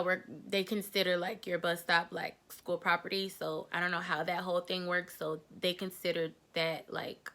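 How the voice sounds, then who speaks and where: A young adult woman chatting casually in a storytime vlog, telling a story in a lively, slangy way. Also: lowish voice. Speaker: vlogger.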